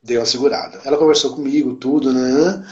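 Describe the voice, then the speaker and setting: A man with a Brazilian Portuguese accent, a podcast guest telling an emotional story in casual chat, emphatic and animated, acting out quoted dialogue. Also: mid-range voice, fast talker, dull audio.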